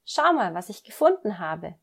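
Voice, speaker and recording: A woman's voice: medium pitch, moderate pace, husky. A woman voicing an eager, stubborn little boy duckling in a children's story, speaking earnestly. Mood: determined. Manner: earnest and excited.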